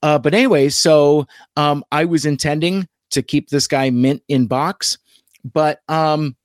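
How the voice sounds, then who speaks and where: Slow rambling man with lots of ums. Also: on the high side, fairly even intonation, no echo. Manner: rambling, halting, many fillers and restarts. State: tired, hungover after a convention. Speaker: toy collector vlogger. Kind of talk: casual collection talk to camera.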